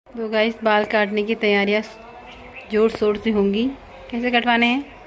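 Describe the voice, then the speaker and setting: A woman's voice: fairly high pitch, little pitch movement, moderate pace, slight background noise, low-quality recording. A woman in her thirties chatting to viewers in a casual home vlog, recorded outdoors at a village home. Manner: chatty, addresses viewers directly. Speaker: vlogger.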